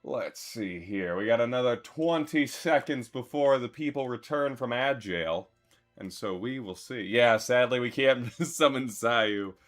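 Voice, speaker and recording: A man streamer chatting casually with his viewers, relaxed and chuckling as he thanks them. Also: medium pitch, unhurried, faint music behind. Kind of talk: casual live-stream chat.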